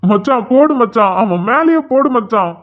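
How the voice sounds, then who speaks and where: A woman's voice: fairly high pitch, animated, normal speed, a little hiss or hum, lightly acted. A woman voicing an arrogant, hot-tempered bullying schoolboy in a cartoon, sneering and scolding. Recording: tinny phone-like audio.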